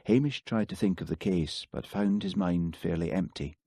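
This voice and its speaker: This is scripted audiobook narration from a man with a very deep, slightly husky voice. He keeps a calm, steady rhythm at a normal speed, and the recording is close and dry without any room sound.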